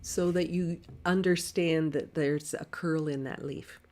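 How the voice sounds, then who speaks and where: A woman teaching watercolor painting in a live lesson, speaking quietly and thinking aloud as she paints, on a desk mic. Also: deep voice, fairly even intonation, a little slow, faint music behind. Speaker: watercolor art instructor. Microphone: desk mic near camera.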